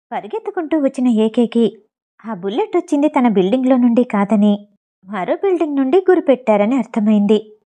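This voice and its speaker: Brief: woman audiobook narrator, mellow warm tone, fairly high voice, steady storytelling. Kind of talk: scripted novel narration.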